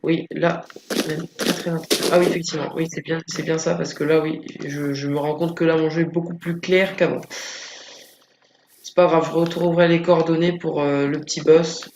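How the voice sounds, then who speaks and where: A man's voice: flat delivery, moderate pace, creaky, echoey room, noisy background. A young man giving rambling, filler-heavy commentary while playing a modded game. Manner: rambling, filler-heavy, panics into high yelps. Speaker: gameplay commentator. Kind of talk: Minecraft let's play commentary.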